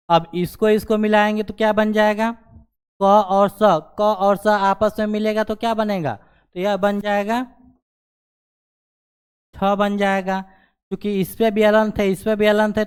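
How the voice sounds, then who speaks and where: A man's voice: high-pitched, clean tone. A man teaching a grammar lesson, explaining step by step and checking in with the class after nearly every phrase. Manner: repeats "ठीक है ना" as a check-in filler.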